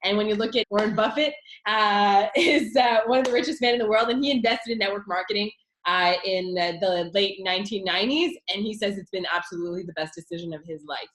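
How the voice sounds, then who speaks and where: A woman pitching her network marketing business in an excited, chatty way, with many fillers. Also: quick pace. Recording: echoey room.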